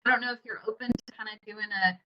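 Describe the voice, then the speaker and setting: A woman hosting a podcast interview, talking in an earnest, halting way full of restarts and fillers. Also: a little high, fairly even intonation, muffled recording, noisy background. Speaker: podcast host. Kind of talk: casual interview chat.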